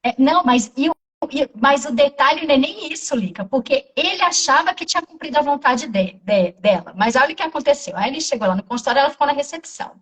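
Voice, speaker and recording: Woman, Brazilian accent, therapist in an interview, fairly high voice, animated storytelling, acts out dialogue. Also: fast talker, recorded from a distance, low-quality recording.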